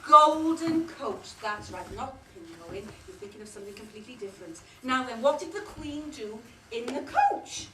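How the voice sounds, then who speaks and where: A woman's voice: fairly high pitch, animated, normal speed, few pauses, natural voice. A woman playing a gushing sing-song Welsh schoolteacher. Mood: coaxing. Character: fussy, doting village schoolteacher. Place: theatre stage, dress rehearsal. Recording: roomy stage, far from mic, noisy.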